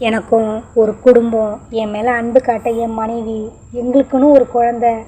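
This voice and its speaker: A woman's voice: on the high side, flat delivery, moderate pace, mellow, a little hiss or hum, close to an everyday voice, poor audio. A woman voicing a young man who longs to marry and teases his friend. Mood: wistful.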